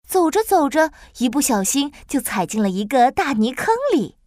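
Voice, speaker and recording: A woman narrating a children's story in an expressive, lilting way. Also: high voice, normal speed, no echo, clean studio sound.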